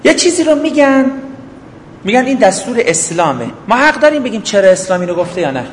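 A man's voice: sits high, very animated, slight background noise. A man giving a religious lecture, firing off rhetorical questions and acting out short everyday dialogues. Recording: echoey hall, faint ambience.

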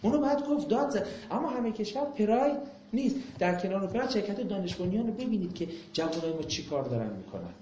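A man's voice: high voice, sing-song, warm tone, a little hiss or hum. Man ranting at a crowd, lots of sarcastic questions, echoey hall. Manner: impassioned, rhetorical questions, mocking. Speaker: lecturer. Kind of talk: public talk with Q&A. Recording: echoey room.

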